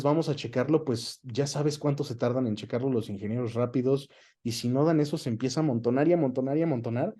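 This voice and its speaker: This dark-toned, mid-range male voice belongs to a dubbing director with a Mexican accent, appearing as the guest in a conversational interview. He explains things colloquially, leaning on examples and frequent tag questions.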